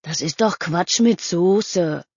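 A woman's voice: on the low side, takes it slowly, darkish tone, slightly rough, no room sound, full character voice. A woman voicing a curious, level-headed teenage boy who speaks reasonably and skeptically. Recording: dull lo-fi audio.

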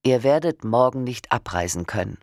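A man voicing a male relative delivering bad news flatly on the phone, in an audiobook reading. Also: medium pitch, moderate pace, no room sound, clean studio sound, natural voice. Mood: matter-of-fact.

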